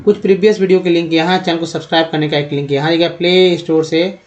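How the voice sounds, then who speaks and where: A man teaching English pronunciation in a lesson, speaking slowly, spelling out letters and asking his viewers questions. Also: fairly high pitch, steady tone, muffled recording. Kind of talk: Hindi-language pronunciation lesson.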